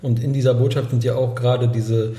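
A man's voice: mid-range voice, flat delivery, a little fast, mellow, roomy sound. A man co-hosting a casual talk show, hesitant and searching for words with many restarts. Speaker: podcast co-host. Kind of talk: casual discussion.

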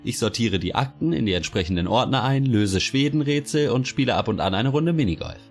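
In a spoken story, a man voices a touchy, pompous old official, raising his pitch above his own natural voice while staying close to everyday speech. His mid-range delivery is expressive and fairly quick, with faint music behind him.

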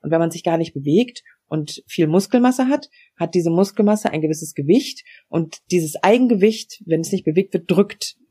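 A woman's voice: fairly low pitch, animated, normal speed, hardly any pauses, mellow, slightly rough. A woman in her forties telling her own story in a podcast interview, explaining frankly and matter-of-factly with many fillers. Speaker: interview guest.

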